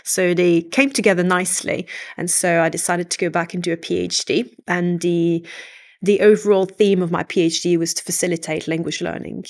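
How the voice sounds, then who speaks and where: Low-pitched woman. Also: steady tone. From Quebec, Canada. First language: French. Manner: thoughtful, measured storytelling with frequent hesitations. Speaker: psychology lecturer and podcast co-host. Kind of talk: podcast conversation.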